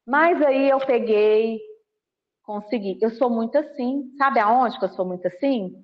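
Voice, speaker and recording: A woman's voice: a little high, measured pace, highs cut off. A woman giving a spiritist lecture, telling stories animatedly and acting out the dialogue. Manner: animated storytelling, acts out dialogue. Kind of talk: spiritist talk. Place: home video call.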